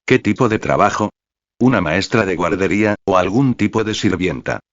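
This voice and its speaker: A synthetic male voice plays a calm, measured male military commander in a storybook reading. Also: low-pitched, dry recording. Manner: composed and commanding. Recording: dry, slightly dull lo-fi sound.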